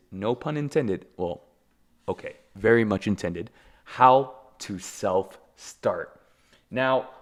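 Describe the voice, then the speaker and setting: Young male podcast host, lowish voice, energetic and emphatic, throws in self-deprecating jokes while talking solo. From Taiwan. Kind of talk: solo motivational podcast monologue.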